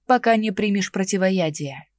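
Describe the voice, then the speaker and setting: A woman's voice: medium pitch, normal speed, darkish tone, no room sound, natural voice. A woman voicing a stern, commanding male witch hunter in an audiobook, with curt, clipped orders. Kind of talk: audiobook narration.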